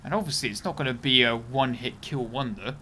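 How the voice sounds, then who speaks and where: A man's voice: medium pitch, fast, bright, forceful tone, a little hiss or hum. A young man streaming a game, rambling chattily through casual commentary and breaking off to react to the match. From United Kingdom.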